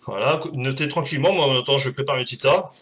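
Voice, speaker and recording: A man's voice: medium pitch, rapid-fire, a bit bright, a little hiss or hum. A man hosting a casual home live show, chatty and self-mocking, talking to viewers while doing a card trick and swearing freely.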